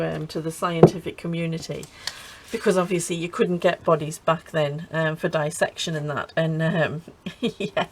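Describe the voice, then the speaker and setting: A woman's voice: on the low side, slight background noise, rough recording. A middle-aged woman chatting casually while crafting, laughing often and restarting her sentences. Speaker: craft channel host.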